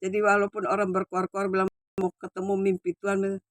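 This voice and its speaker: A woman's voice: mid-range voice, completely flat delivery, dry recording. An older woman in her sixties, a preacher giving an earnest personal testimony sermon, repeating herself and restarting phrases as she goes. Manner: earnest, repetitive, halting retelling with many restarts.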